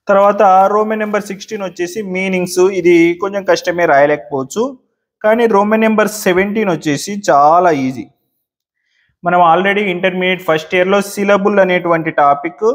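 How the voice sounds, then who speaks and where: A man teaching exam tips, often repeating words slowly to show where the stress falls. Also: fairly high pitch.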